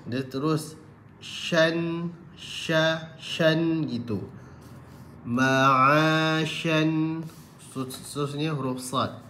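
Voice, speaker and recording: A man with a Malaysian accent teaching Quran letter pronunciation, drawing out model words slowly and then murmuring quick, quieter corrections. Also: a little high, a little hiss or hum. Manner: addresses listeners as tuan-puan. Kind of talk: slow, patient recitation lesson.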